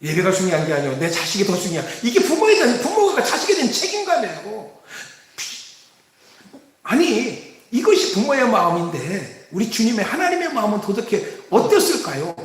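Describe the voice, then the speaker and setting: Male pastor, sermon, high voice, lively swings, booming church echo. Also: normal speed. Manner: emphatic, rising to shouts and acting out parents' scolding. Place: church sanctuary. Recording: very echoey church hall.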